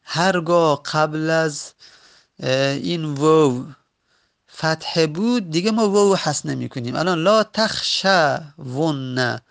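A man teaching a grammar lesson, patiently explaining and slowly repeating each example word. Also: a little high, vocal fry.

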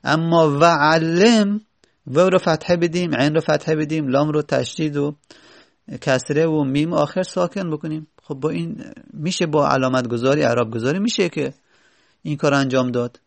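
A man's voice: fairly high pitch, vocal fry. A man teaching Arabic grammar in a seminary-style lecture. He reads short Arabic phrases, then explains and repeats them.

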